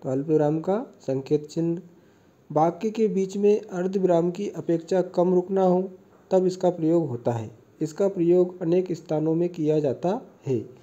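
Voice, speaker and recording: Guy teaching grammar, pretty high voice but really dark tone, repeats stuff slow, kinda dull lo-fi sound. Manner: repeats definitions slowly, checks with "है ना?". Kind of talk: explaining a grammar lesson. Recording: dull lo-fi recording.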